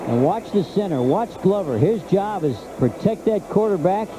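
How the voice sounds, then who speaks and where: A man's voice: high-pitched, expressive, normal speed. A man giving live football analysis in a conversational, emphatic, repetitive way. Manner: conversational, emphatic, repeats himself. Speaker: color commentator. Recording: noisy stadium broadcast. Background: stadium noise.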